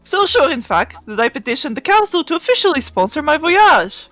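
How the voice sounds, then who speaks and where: Haughty patrician lady, played by a woman, pompous, slightly high, dry close mic. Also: sing-song, fairly quick, fairly bright tone, dry recording, faint music behind. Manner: grand, pompous announcing. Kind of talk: improvised role-play on a game stream.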